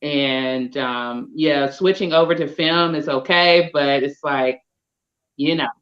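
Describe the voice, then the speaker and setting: Emphatic woman co-host, slow-spoken. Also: low-pitched, muffled recording. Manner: emphatic, opinionated. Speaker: podcast co-host. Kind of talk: casual chat. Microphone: video call.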